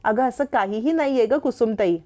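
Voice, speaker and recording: A woman's voice: on the high side, a little fast, dark tone, close to an everyday voice. A woman voicing an earnest young wife who pleads and explains to her angry sister. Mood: pleading.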